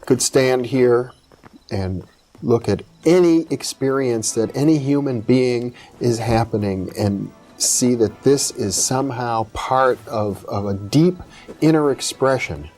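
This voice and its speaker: A man's voice: mid-range voice, slow pace, a little mellow. Male host, mid-range voice, attentive, reflective paraphrasing, faint music under. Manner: attentive, paraphrasing, many mm-hmm affirmations. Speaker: interviewer, host. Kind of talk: interview conversation.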